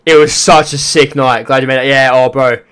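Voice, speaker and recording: A man's voice: medium pitch, flat delivery, fairly quick, a bit bright, smooth. A man hosting a reaction video, talking casually to his chat, rambling and repeating himself.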